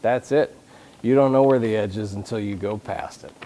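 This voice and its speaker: A man's voice: lowish voice, normal speed, warm tone, slight background noise. A man speaking to a live conference audience about leadership, casual and joking, with frequent restarts and questions to the room. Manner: conversational, jokey, many restarts, asks the audience questions.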